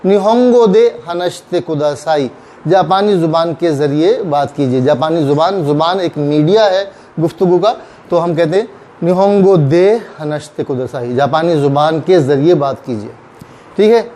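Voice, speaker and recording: High-voiced man teaching Japanese slowly. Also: mellow. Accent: Urdu. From Pakistan. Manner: patient, repeats example phrases slowly. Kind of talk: explaining grammar in a recorded lesson.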